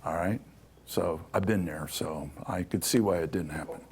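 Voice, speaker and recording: Over crowd noise, a low-pitched male voice at normal speed gives an informal public lecture in a hall on ancient Egyptian spirituality. He speaks conversationally, adding "okay?" to his points.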